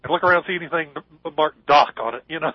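A man's voice: fairly high pitch, fast talker, dry recording. A man calling in to a radio show over the phone, joking around with the host and laughing often. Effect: heard over the phone line. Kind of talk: joking casual chat. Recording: dull, dry phone line.

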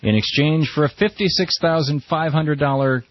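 A man's voice: fairly high pitch, normal speed, no echo. An American man hosting talk radio in an emphatic, rhetorical monologue, recorded in a studio. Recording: slightly dull radio broadcast audio.

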